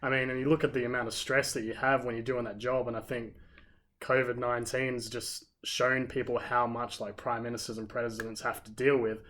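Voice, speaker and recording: Australian man, mid-pitched, opinionated, firm podcast co-host voice. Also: level tone, fairly quick, a bit bright. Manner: opinionated and emphatic, leans on "like". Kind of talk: casual podcast chat.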